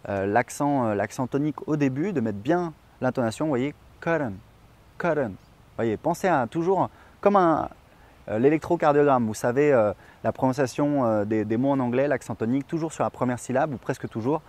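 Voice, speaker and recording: A man's voice: medium pitch, a little mellow. Chatty young French-speaking man teaching. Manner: chatty, hesitant with many fillers, demonstrates words slowly. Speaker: English teacher. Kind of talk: casual online pronunciation lesson.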